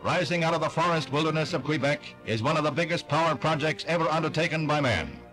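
A man's voice: fairly high pitch, expressive, quick pace, rough recording. A man narrating an old 1960s newsreel in an upbeat, promotional announcer's delivery. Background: music.

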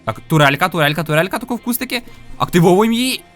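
Lively high-voiced man commentating gameplay. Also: racing, soft background music. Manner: playful and upbeat, with frequent sound-effect interjections. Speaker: gaming video host.

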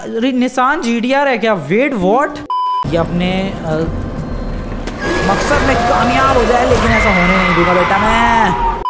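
A man giving excited gameplay commentary, exclaiming and repeating words as he plays. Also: sits high. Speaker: gaming YouTuber.

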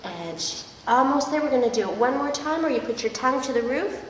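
Woman therapist slowly modelling speech, echoey room. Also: high-pitched, lively intonation. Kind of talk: child speech therapy session. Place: indoors at a table in a hard-walled room. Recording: echoey room, clear background noise.

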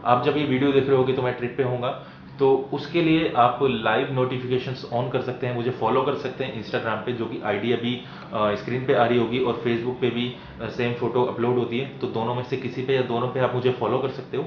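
Guy vlogging from his room, middle-pitched, lots of uhh pauses, echoey and kinda muffled. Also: flat delivery. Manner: chatty and explanatory, frequent drawn-out "uh" pauses. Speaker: travel vlogger. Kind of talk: casual vlog talk to camera. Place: small room at home, indoors. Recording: roomy, slightly dull sound with faint room hum.

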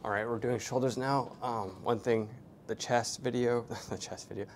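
A man's voice: mid-range voice, steady tone, normal speed, slight background noise. Laid-back young man vlogging from a gym. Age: young adult. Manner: laid-back, rambling with many fillers. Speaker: fitness vlogger. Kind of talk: casual vlog narration between sets. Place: small hotel gym, indoors. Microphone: small clip-on mic, camera at a distance.

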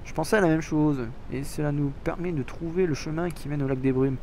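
A man voicing a young male creature hero in a video game, reading its lines earnestly and a little haltingly. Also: on the high side, a little mellow, a little hiss or hum, natural voice. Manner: earnest, hesitant reading with slips. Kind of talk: dramatic reading of game dialogue.

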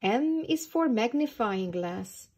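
Woman, preschool storytime reader, slow, mellow, lilting, asks kids questions. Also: fairly high pitch, animated, breathy edge. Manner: slow, sing-song, asks the young listeners questions. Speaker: early years storytime reader. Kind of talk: reading a children's picture book aloud.

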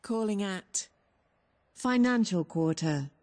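A woman giving formal, measured train station announcements over a PA loudspeaker. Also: medium pitch, animated. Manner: measured, formal, evenly paced. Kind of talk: recorded automated announcements.

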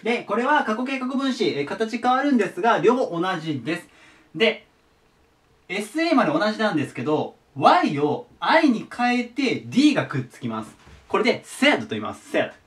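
Male tutor, patient, repeats forms, very animated pitch, a bit off-mic. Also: moderate pace, recorded from a distance. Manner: patient, repeats each word form. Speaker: teacher. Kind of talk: explaining English vocabulary to students.

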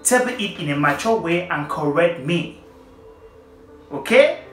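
Young man, animated vlog commentary, bright tone, roomy echo. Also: a little high, a little slow, faint music behind. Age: young adult. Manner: animated, emphatic, addresses viewers directly. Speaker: vlogger. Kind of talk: casual commentary to camera. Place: plain indoor room.

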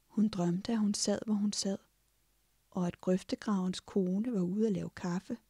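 A woman narrating a fairy tale in a slow, hushed way, often dropping into unvoiced whispers. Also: mid-range voice, fairly even intonation, husky, no room sound, clean studio sound. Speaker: audiobook narrator.

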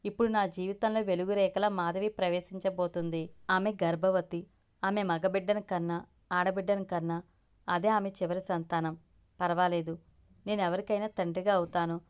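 A woman's voice: lowish voice, fairly even intonation, moderate pace, smooth. A woman reading a story aloud as the channel's storyteller, narrating steadily in the first person.

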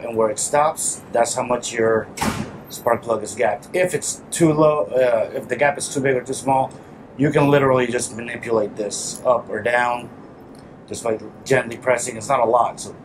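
In a casual how-to vlog shot in a small garage, a motorcycle host of probably thirty-something talks informally while working. His pitch is medium and his pace normal, with clearly noisy workshop sound behind him.

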